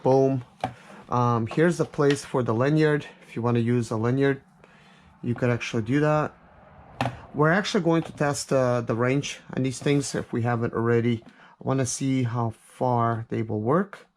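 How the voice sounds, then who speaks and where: A product reviewer and vlog host unboxes something in an office, thinking aloud in a casual, hands-on, hesitant way. His medium-pitched voice is steady and a little mellow, at a normal speed. The recording is clear but has background noise with clicks.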